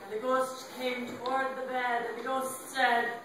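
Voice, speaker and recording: Animated woman telling a story in an echoey room. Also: high-pitched, measured pace, far from the mic, very noisy. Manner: animated, dramatic. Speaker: school principal. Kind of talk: storytelling to children. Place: school classroom. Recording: echoey classroom, recorded from afar.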